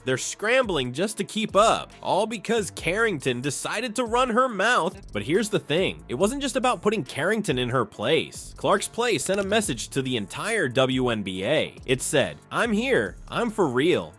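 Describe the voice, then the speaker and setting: Man, tabloid TV host manner, scripted sports hype, lively swooping intonation, music underneath. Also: fairly high pitch. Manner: sensational tabloid TV host delivery, dramatic teasers and rhetorical questions. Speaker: sports highlights video narrator.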